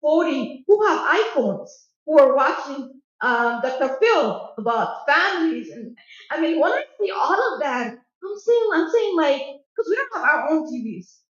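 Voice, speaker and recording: High-voiced, earnest woman in an echoey room. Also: big pitch swings, unhurried. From USA (Minnesota). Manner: earnest and rambling, with many restarts. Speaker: audience member. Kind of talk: audience comment at a panel discussion. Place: lounge at a press club, indoors. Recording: echoey room, dull sound.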